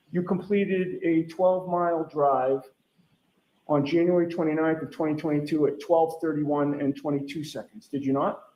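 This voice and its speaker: A man cross-examining a witness as a lawyer in court, putting detailed, deliberate leading questions and pressing for confirmation. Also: on the high side, mellow. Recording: echoey courtroom sound with faint noise.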